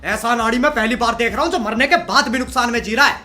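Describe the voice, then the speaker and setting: High, bright-voiced sarcastic young man. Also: quick pace. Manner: sarcastic, mocking, crude jokes. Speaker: reaction video host. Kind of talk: comedic roast commentary.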